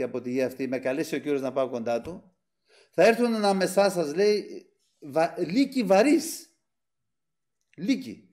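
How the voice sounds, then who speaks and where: A man's voice: high voice, darkish tone. A man preaching a sermon with fervor, swelling on key phrases and often addressing the brethren. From Greece.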